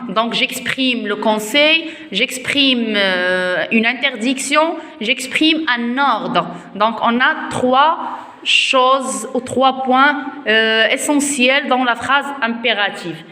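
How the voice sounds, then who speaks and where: A woman with a Moroccan accent teaching a French grammar lesson to her pupils in a classroom, explaining slowly with frequent asides in Arabic. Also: fairly high pitch, pushed and bright, roomy sound, big-room sound. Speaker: primary school French teacher.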